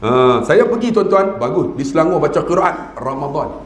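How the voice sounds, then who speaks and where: Male preacher in his 50s, northern Malaysian Malay accent, high voice, playful, keeps asking the crowd, echoey hall. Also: animated, moderate pace. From northern Peninsular Malaysia. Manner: jokey, quizzes the audience, mimics regional dialects. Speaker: religious lecturer. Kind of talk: humorous religious talk.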